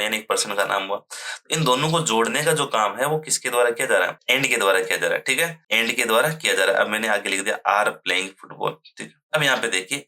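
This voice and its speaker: A man teaching a grammar lesson at a whiteboard, asking questions and answering them himself, with frequent fillers and throat clearing. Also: medium pitch, bright, forceful tone. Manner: fills pauses with a repeated "okay" and "friends"; clears his throat now and then.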